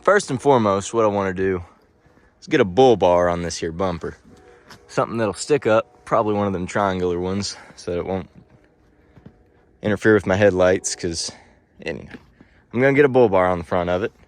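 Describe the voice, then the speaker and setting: A man's voice: low voice, a little fast, pauses often. A man talking casually to camera in a laid-back, meandering, folksy way, with colloquial grammar. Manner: folksy colloquial phrasing, ain't and them. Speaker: vlogger. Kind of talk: casual rambling vehicle chat to camera. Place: in and around a truck. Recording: dull lo-fi audio, vehicle noise. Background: car and outdoor ambience.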